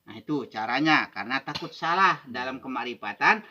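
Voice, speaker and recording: A man's voice: medium pitch, expressive, brisk, sharp tone, lo-fi sound, a little hiss or hum. A man from Indonesia teaching Sufi mysticism in a rhythmic, emphatic way, often ending points with "begitu". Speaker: religious teacher.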